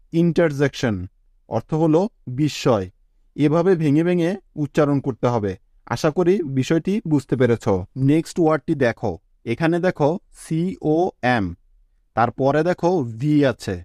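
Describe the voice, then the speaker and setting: A man giving a scripted spoken lesson as an English teacher, slowly spelling out letters and syllables. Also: a little high, a little mellow, dry recording, studio quality.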